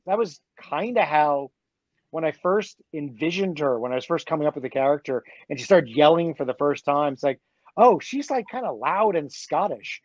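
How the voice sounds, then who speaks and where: Male author, conversational, halting delivery; higher pitch, dry muffled sound. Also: dry recording. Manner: chatty, halting with many restarts and laughs. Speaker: graphic novel author. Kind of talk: casual conversation.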